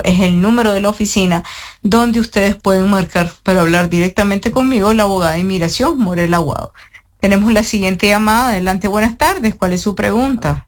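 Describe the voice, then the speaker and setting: A woman from Nicaragua with a Nicaraguan accent, an immigration lawyer hosting a live radio call-in show, speaking clearly and reassuringly and repeating phone numbers slowly. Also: mid-range voice.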